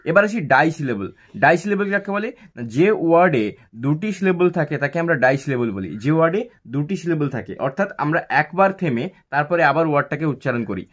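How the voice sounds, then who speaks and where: A man explains English grammar like a classroom teacher, speaking at a fairly high pitch. He poses a question, then answers it. He breaks example words into slow, separate syllables. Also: expressive, a bit bright. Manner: repeats words slowly, syllable by syllable.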